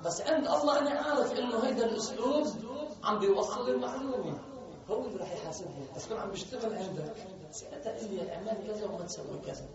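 A male preacher with a Lebanese accent talks to a gathering in an easy, conversational way, now and then breaking into loud chanted verse. He is heard from a distance in a very echoey hall, and the recording sounds dull and muffled. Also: high-pitched, rapid-fire, crowd noise. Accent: Lebanese Arabic. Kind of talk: religious sermon with chanted poetry.

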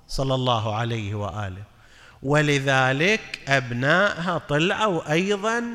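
Man, preacher, bright tense voice, long hall reverb. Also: on the high side. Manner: mixes formal Arabic with colloquial asides, asks listeners questions. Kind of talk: religious lecture.

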